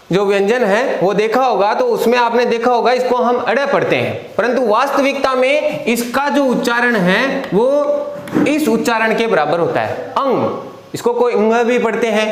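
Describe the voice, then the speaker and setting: A man's voice: very high-pitched, echoey room. A man teaching Hindi grammar in an online lesson, explaining step by step and asking and answering his own questions.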